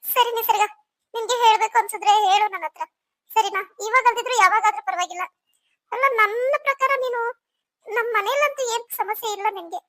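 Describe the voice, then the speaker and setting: A woman's voice: very high voice, brisk, a bit bright, no echo. A woman voicing a caring sister-in-law who coaxes and fusses in a cartoon story. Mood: worried. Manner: coaxing, fussing.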